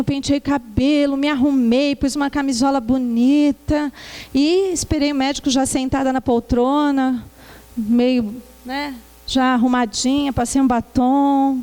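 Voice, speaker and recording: A woman pastor preaching a sermon, telling her testimony with lively tag questions and calling the congregation to answer back. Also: sits high. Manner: calls for congregational response. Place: church.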